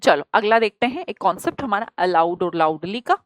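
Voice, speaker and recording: A woman with an Indian accent teaching an exam-prep grammar lesson, explaining lively and asking her students rhetorical questions. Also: medium pitch, brisk, no echo.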